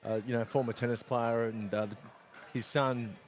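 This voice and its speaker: A man's voice: medium pitch, normal speed. Chatty co-commentator man. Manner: chatty, relaxed, tells stories between points. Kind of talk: live sports commentary.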